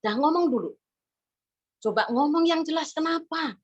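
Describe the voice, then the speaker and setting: A woman's voice: sits high, animated, normal speed. A woman voicing a caring mother who soothes and firmly instructs her son, in a slightly muffled recording. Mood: soothing. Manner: soothing yet firm, coaxing. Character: calm, firm, caring mother.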